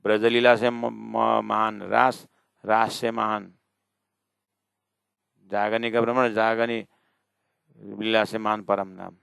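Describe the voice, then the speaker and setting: A man's voice: on the low side, flat delivery, creaky, fairly bright tone, clean tone, dry recording. A man teaching a scripture class, explaining verses one by one and arguing with imagined students. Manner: slow, drawn-out reading of verses. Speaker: spiritual teacher.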